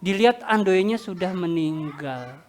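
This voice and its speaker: A woman preacher telling a story in a sermon, animated and talking straight to the congregation. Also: fairly low pitch, measured pace. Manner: animated, addresses congregation directly.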